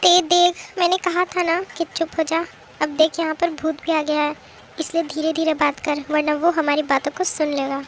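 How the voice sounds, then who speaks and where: Woman doing a jumpy girl friend shushing everyone, real high voice. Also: level tone, moderate pace, a little hiss or hum, natural voice. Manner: fretful, hushing. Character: nervous young woman friend, quick to panic.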